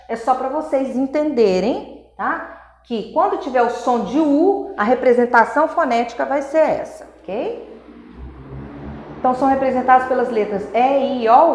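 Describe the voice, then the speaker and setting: A woman teacher giving a recorded grammar lesson, explaining patiently, checking in with her students and sounding out syllables and vowels slowly. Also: sits high. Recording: echoey room.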